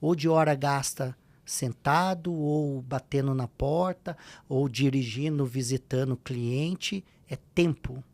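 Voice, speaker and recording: A man's voice: mid-range voice, takes it slowly, few pauses, a little mellow. A Brazilian man with a slight tongue-tie giving emphatic motivational advice as a podcast guest, often asking rhetorical questions. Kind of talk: motivational advice in a casual interview.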